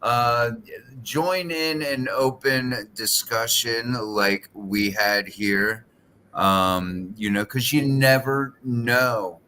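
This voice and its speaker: A podcast host in his fifties interviews someone casually, speaking slowly and hesitantly with plenty of fillers. His mid-range voice sounds pushed and bright, and there is slight background noise.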